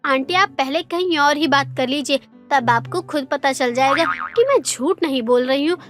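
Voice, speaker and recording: Woman voicing a gentle young tailor. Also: sits high, lively intonation, moderate pace, faint music behind. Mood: polite. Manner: gentle, respectful.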